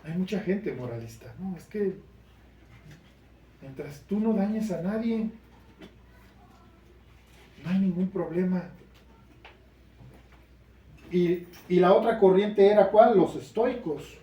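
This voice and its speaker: A man's voice: high voice, takes it slowly, long pauses, mellow, dull audio, slight background noise. A man preaching a sermon as pastor in a church, earnest and building to emphatic questions. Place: church hall. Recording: roomy church sound from a distant mic.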